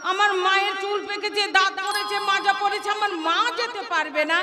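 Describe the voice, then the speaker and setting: A woman voicing a sharp-tongued young widow who fires needling, suspicious questions. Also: extremely high pitch, steady tone, brisk. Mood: mocking.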